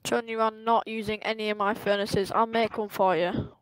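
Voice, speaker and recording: A woman's voice: mid-range voice, little pitch movement, normal speed, smooth, no room sound, low-quality recording. A woman chatting over a game, bickering indignantly with a friend. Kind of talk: casual gaming chat. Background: faint background music.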